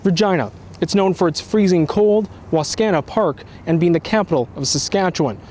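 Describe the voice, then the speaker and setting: A man news reporter delivering a scripted report with an energetic, punchy delivery. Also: high-pitched, moderate pace, a little hiss or hum.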